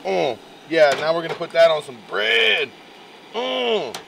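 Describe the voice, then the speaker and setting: His voice sits on the high side, creaky and lively in intonation, and he talks a little slowly against a noisy background with music. He's a camping and fishing vlogger chatting casually to viewers, folksy, playful and exuberant, full of quirky slang.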